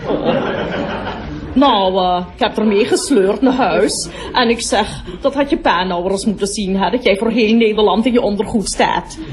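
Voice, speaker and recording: A woman's voice: mid-range voice, normal speed, crowd noise. A woman performing a comic monologue as a talkative, prim cloakroom attendant who gossips about her daughter and breaks off to speak to passing guests. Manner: chatty gossiping storyteller who keeps breaking off to address visitors. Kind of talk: comic monologue with audience laughter.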